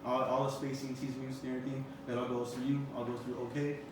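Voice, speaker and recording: A man's voice: medium pitch, little pitch movement, fast talker. Rambling young man hosting from far off. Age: 20s. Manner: rambling, many fillers like "you know" and "um". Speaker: interview host. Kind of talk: casual interview. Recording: roomy echo, far from the mic, background noise.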